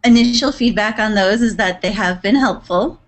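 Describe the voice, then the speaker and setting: A woman who designs sewing patterns, explaining them in a casual video chat, measured with frequent fillers and soft laughs. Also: mid-range voice.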